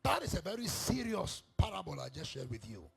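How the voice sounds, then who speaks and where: A man preaching, telling a parable in an emphatic, animated sermon. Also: high-pitched, fairly quick, creaky, faint music behind. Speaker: apostle preacher. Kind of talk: sermon storytelling.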